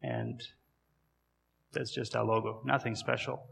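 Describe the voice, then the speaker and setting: This Kazakh guest missionary in his thirties speaks unhurriedly in a medium pitch with little pitch movement, vocal fry, and a fairly bright, slightly rough tone, in a large hall. With an accent from Kazakhstan, he gives a conversational church sermon and questions the audience.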